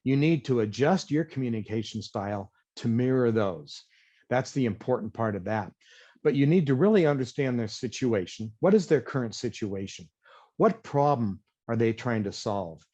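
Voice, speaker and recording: A man teaching a business webinar, high-energy by nature but pacing himself to explain each point. His voice sits in the middle range. The audio is dull and lo-fi, as from a video call. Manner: energetic, self-described high-wire talker; deliberately slowed, explanatory pace. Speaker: marketing trainer. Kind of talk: webinar presentation.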